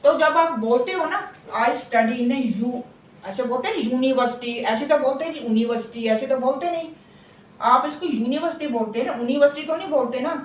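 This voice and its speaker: A woman teaching a grammar lesson. She repeats words slowly and keeps checking that her students follow. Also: high-pitched, slight background noise. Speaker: English teacher. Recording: echoey room from far off.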